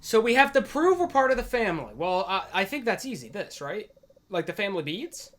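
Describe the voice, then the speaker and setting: A man's voice: high-pitched, sing-song, a little fast. A man giving casual playthrough commentary as a gaming host, muttering to himself and pleased with his own progress. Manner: self-congratulatory, mutters to himself, swears casually. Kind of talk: casual game playthrough commentary, reading dialogue aloud. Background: soft music.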